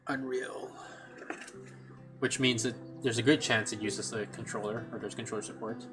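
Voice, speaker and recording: A man with a steady, medium-pitched voice streams a game at a moderate pace, giving casual let's-play commentary. He thinks aloud chattily, restarting often, over game music.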